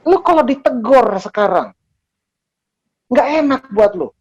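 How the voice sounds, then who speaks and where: Woman preacher, animated, higher voice, slightly dull lo-fi recording. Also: a little slow. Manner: animated, switching between Indonesian and English. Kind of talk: sermon.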